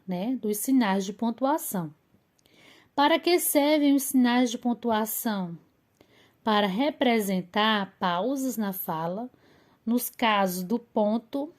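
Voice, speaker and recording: Slow-speaking woman teacher. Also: fairly high pitch, darkish tone. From Brazil. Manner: slow, deliberate explaining with fillers like "né". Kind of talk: remote class lesson.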